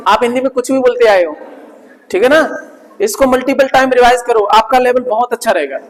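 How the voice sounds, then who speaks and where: A man's voice: very high-pitched, a little fast, in a large hall, rough recording. A man teaching English vocabulary in Hindi, drilling pronunciation, asking students to repeat, and adding playful jokes and frequent tag questions. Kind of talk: classroom vocabulary lesson.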